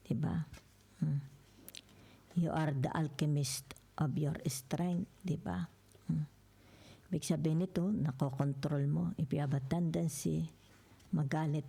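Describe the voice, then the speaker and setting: An older woman giving a slow tarot reading, soft-spoken, who keeps checking in with the listener and often drops to a whisper. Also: sits low, vocal fry, husky. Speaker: tarot reader. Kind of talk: slow tarot reading, mixing Tagalog and English.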